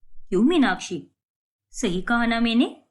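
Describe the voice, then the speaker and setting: A woman's voice: on the high side, lively intonation, unhurried. A woman voicing a gossipy, mocking middle-aged neighbour in a cartoon story. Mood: mocking gossip.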